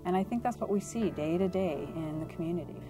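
A woman's voice: lowish voice, fast, music in the background. A woman in her fifties, a clinic doctor, speaking earnestly in a documentary interview in her office. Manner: earnest, reflective.

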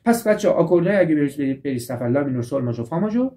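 A man's voice: on the high side, lively intonation, warm tone. A man teaching a guitar lesson, patiently walking through chord shapes and repeating each step. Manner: patient, repeats and restates steps. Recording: guitar playing behind the voice.

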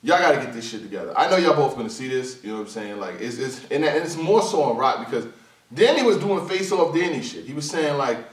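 A man giving a casual, slangy vlog commentary on battle rap, animated and quick to slip into high-pitched mimicry. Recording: roomy echo, voice from a distance.

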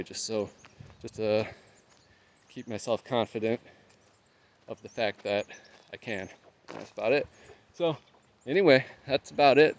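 A man's voice: on the low side, a little mellow. A man in his thirties talking casually to his phone while out on a long run, giving a vlog update. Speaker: trail running vlogger. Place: outdoors on a trail in open nature reserve. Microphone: phone held at arm's length. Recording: muffled lo-fi outdoor phone audio, noisy.

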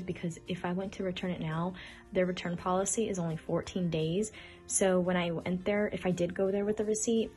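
A woman in her twenties films a casual cash-stuffing vlog, tallying bills aloud as she fills envelopes and now and then losing her composure a little. Her voice is lowish and a little mellow, over background music.

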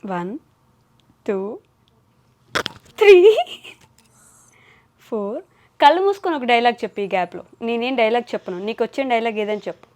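A woman with a slightly raised pitch runs a casual, playful interview. She teases and jokes as she asks her questions, and laughs readily. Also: expressive, a little fast. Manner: teasing, chatty, laughs often.

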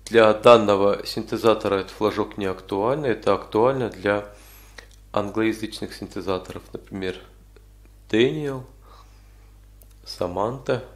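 A man with a lowish voice leads an informal spoken software tutorial, walking through each step as he goes and pausing now and then to find his next word.

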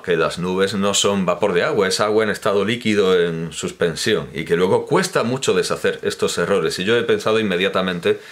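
Guy with a really low voice going on a pedantic rant, correcting everyone, lots of ums and restarts. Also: fairly bright tone. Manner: lecturing, didactic explanation. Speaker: commentator on language teaching. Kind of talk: spoken monologue, opinion talk.

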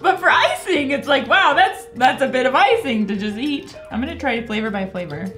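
A woman's voice: a little high, animated, fairly quick, a bit bright, faint music behind. A pregnant woman with an American accent, co-hosting a snack taste test with chatty, wry remarks. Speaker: co-host.

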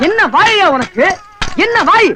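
A man's voice: very high-pitched, big pitch swings, unhurried, pushed and bright, heavily acted. An actor playing a bossy man among the beggars, scolding and lecturing the others in a film comedy scene.

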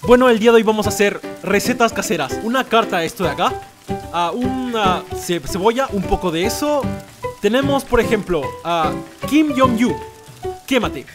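A young man streaming from a small room into a boom mic, sarcastic and hyper, swearing a lot and calling everyone bro. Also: animated, normal speed, music in the background. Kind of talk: comedic vlog. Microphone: desk boom mic.

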